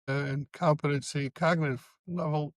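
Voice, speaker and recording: A man guest talking thoughtfully and measuredly in a casual podcast conversation, slowing down on key points. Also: a little high, steady tone, no room sound. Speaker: psychotherapist guest.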